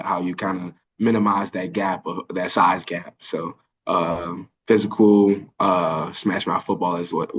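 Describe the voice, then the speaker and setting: A young man in his early twenties from Birmingham, Alabama, answering press questions over a video call in an earnest way, with many fillers and restarts. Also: low-pitched. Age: early 20s. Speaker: college football linebacker.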